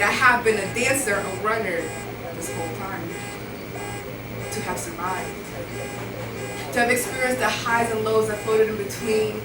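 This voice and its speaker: A woman in her twenties from Rwanda, performing spoken word poetry live with an earnest, rhythmic delivery that builds through repetition. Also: medium pitch. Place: indoor live venue. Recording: echoey room, voice from far off, music behind.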